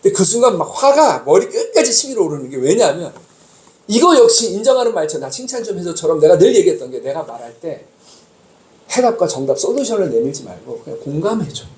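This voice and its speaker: Male pastor in his 50s, quick lively delivery with big pitch swings, exasperated storyteller, echoey church hall. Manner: animated, exasperated storytelling to the congregation. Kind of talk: sermon. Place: church sanctuary.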